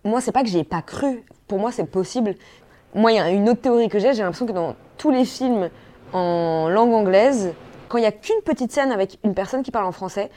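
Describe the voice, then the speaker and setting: A young woman co-hosting a relaxed podcast chat about a film. Her voice sits at an ordinary middle pitch. She thinks aloud, circling back with restarts and casual slang. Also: fairly quick. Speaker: podcast co-host.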